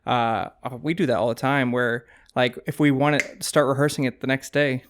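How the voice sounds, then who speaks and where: A man's voice: medium pitch, fairly even intonation, normal speed, slight background noise. A man co-hosting a podcast in casual chat, talking loosely with fillers about teaching choir. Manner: chatty, lots of fillers and laughs. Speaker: podcast co-host.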